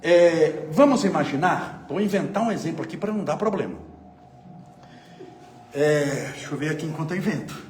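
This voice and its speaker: A man's voice: on the high side, animated, moderate pace. A man gives a spiritist talk. He speaks conversationally and keeps asking rhetorical questions. The room is echoey, with a faint hum of ambience behind him. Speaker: spiritist lecturer. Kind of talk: lecture.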